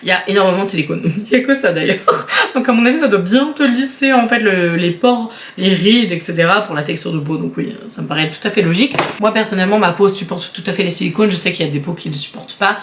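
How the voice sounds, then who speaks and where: A woman's voice: mid-range voice, fast, roomy sound. Chatty giggly French-speaking beauty vlogger woman. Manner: chatty, giggly, self-mocking. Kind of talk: casual unboxing chat.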